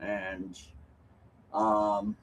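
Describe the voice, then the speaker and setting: A man chatting casually to viewers as a vlogger, talking haltingly around a lip packed with chewing tobacco. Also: sits low, big pitch swings, creaky.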